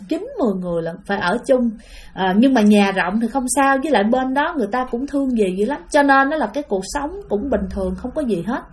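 Speaking with a Southern Vietnamese accent, a woman tells a ghost story in a chatty manner and often talks straight to her listeners. Her voice is a little high.

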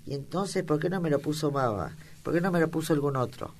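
A woman's voice: low-pitched, a little fast, darkish tone, a little hiss or hum, natural voice. A woman reading an audiobook, voicing an earnest, affectionate young country girl with rustic speech.

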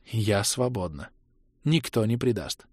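A man reading an audiobook, voicing a guilty, subdued young woman with a hoarse, breathy voice and a quiet, soft delivery. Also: medium pitch, expressive, moderate pace, no echo, studio quality, lightly acted.

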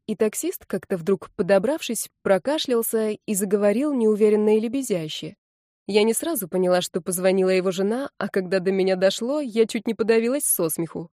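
Female audiobook narrator, lively first-person storytelling, mid pitch, very dry close sound. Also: dry recording.

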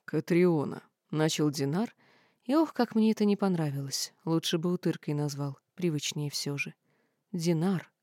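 A woman reading a first-person audiobook in a wry, expressive way. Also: low voice, normal speed, no room sound, studio quality. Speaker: audiobook narrator.

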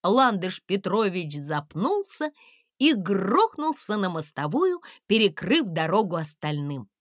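A woman narrates a storybook slowly and expressively, her pitch rising and falling freely. Her voice sits a little high. The recording is dry and close to the mic. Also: no echo. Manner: expressive, measured. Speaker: audiobook narrator.

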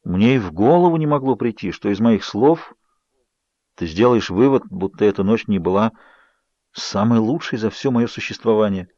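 A brooding vampire speaks in a low, hushed, tight-lipped voice full of guilt, read by a man. His lines come quieter and a touch lower than the surrounding reading. The sound is dry and a little dull. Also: expressive, normal speed, dry recording, lightly acted. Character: brooding male vampire, guilt-ridden and intense.

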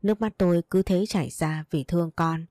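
A woman narrates a first-person story in a heartfelt, emotional reading. Her voice sits low and mellow. The sound is dry and close. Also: brisk, dry recording.

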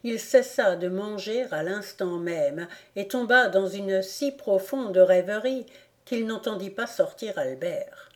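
A woman reading a classic novel aloud as an audiobook narrator, with measured, even storytelling. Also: mid-range voice. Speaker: audiobook reader.

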